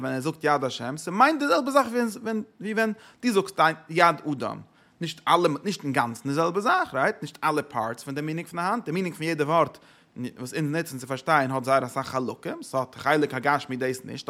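A man's voice: fairly high pitch, lively intonation, brisk, sharp tone. A male religious teacher lecturing on a text, asking rhetorical questions, repeating phrases and mixing in English words.

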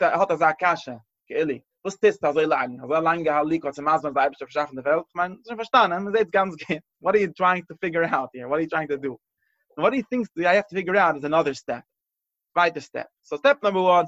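A man teaching a Torah class in a slightly higher-than-usual voice, thinking aloud and restarting phrases as he explains. The sound is dry and close, with no room echo. The recording itself is a bit dull and muffled. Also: a bit bright. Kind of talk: religious class lecture.

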